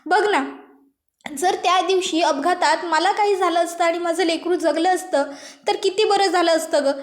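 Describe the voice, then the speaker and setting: A woman's voice: very high voice, normal speed. A woman voicing a grieving, distraught middle-aged mother who laments her lost daughter in a story retelling. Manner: lamenting, pleading. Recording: roomy echo.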